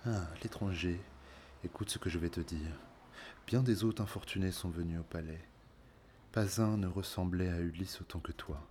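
A man voicing a devoted old woman nurse in a raised, breathy, half-whispered voice. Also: sits low, normal speed, a little mellow, slight background noise, natural voice. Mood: wary.

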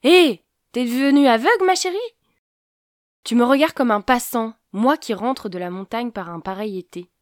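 A woman voicing an irritable old grandfather who has been made young again, exclaiming loudly. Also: normal speed, hardly any pauses, no room sound, studio quality, lightly acted. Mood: indignant. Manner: loud, exclaiming, high-pitched.

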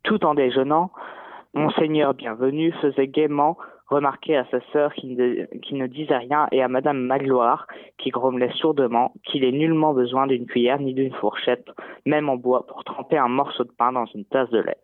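A young pupil reads a passage aloud down the line, steady and well-articulated, taking his time. The sound is thin and tinny like a phone call, completely dry. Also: medium pitch, normal speed, no echo. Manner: careful, well-articulated reading. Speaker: pupil calling in. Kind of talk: reading a novel aloud.

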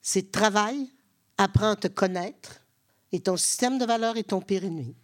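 A woman's voice: medium pitch, normal speed. A woman with a Québécois accent, an acting coach, answering interview questions on stage in a blunt, frank way. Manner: blunt, frank, acts out quoted exchanges. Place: theatre stage with live audience.

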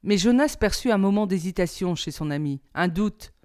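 A woman, a teacher, reading a novel aloud in a calm, even storybook narration. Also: medium pitch, moderate pace.

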